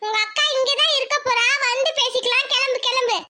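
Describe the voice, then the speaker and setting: A woman voicing an older village mother in a cartoon, bossy and fussing over her daughters. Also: a little fast. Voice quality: high, bright, scolding.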